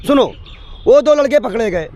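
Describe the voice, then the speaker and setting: A man's voice: very high voice, lively intonation, normal speed, a little mellow, highs cut off. A man arguing heatedly in a political debate, talking over interruptions and insisting he be heard. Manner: combative, talks over interruptions. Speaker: debate panelist.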